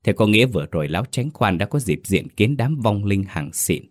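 Deep-voiced man narrating a ghost story. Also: very animated, brisk.

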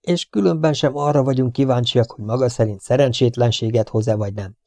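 A man voicing a stern, irritable captain who demands answers gruffly in an audiobook. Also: medium pitch, dark tone, no room sound, lightly acted.

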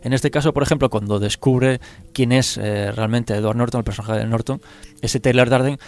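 Fast-talking man from a Spanish film podcast. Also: medium pitch, steady tone, darkish tone. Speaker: podcast panellist. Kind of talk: casual film discussion.

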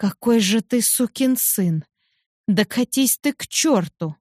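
A woman's voice: a little high, lively intonation, slow pace, a little mellow, no room sound, studio quality, pitched above the performer's own voice. A woman voicing a tearful, defiant young heroine. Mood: furious. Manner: intense, emotional.

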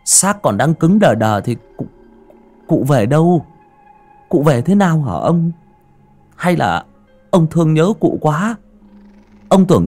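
Dude putting on a shrill jumpy servant boy, stammers a lot, pitch jumps all over. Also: sing-song, slow, long pauses, a little mellow, faint music behind, heavily acted. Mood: bewildered. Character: panicked young male servant.

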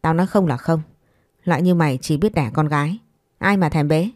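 Mean old mother-in-law barking orders, low mellow voice, a woman reading her lines. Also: brisk, dry recording, clean studio sound, close to an everyday voice. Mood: harsh scolding. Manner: scolding, contemptuous. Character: harsh scolding elderly mother-in-law.

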